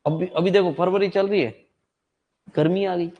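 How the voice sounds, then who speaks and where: A man's voice: sits high, fairly even intonation, moderate pace, phone-quality sound. A man teaching a class, chatty and teasing, quizzing his students on how letters are said. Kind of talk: joking classroom lecture. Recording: long hall reverb.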